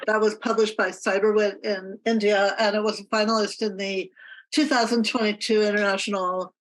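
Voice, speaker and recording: A woman's voice: mid-range voice, little pitch movement, normal speed, rough recording. A woman author telling her story in casual conversation over a video call. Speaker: author and filmmaker.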